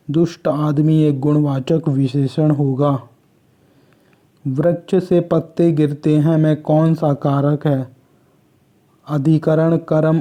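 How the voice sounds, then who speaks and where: A man from Uttarakhand reading Hindi exam quiz questions and their answers in a slow, measured way, like reading off a list. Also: a little high, dark tone. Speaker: exam prep teacher.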